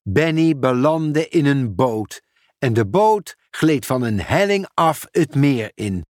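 A man reading a children's story aloud in an expressive, unhurried manner. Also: medium pitch, no room sound, clean studio sound. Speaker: narrator. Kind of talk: storybook read-aloud narration.

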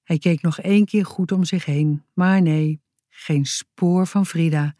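A woman reading a children's book aloud in a clear storytelling manner. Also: fairly low pitch, steady tone, unhurried, mellow, dry recording, clean studio sound. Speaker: audiobook narrator. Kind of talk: scripted narration of a children's book.

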